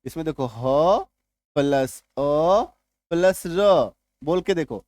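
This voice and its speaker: A male tutor gives a Hindi-language lesson on English spelling rules at an unhurried pace, repeating each sound patiently. He often stops to check that learners have understood. His voice is close and dry, with no room around it. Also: fairly high pitch, lively intonation, a little mellow, no room sound. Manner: slow and repetitive, often checking that viewers follow. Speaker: English teacher.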